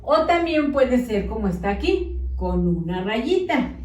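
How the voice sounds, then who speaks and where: Woman teacher, children's phonics lesson, lively up-and-down voice, echoey room off-mic. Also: on the high side, recorded from a distance. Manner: slow, exaggerated sounding-out of syllables.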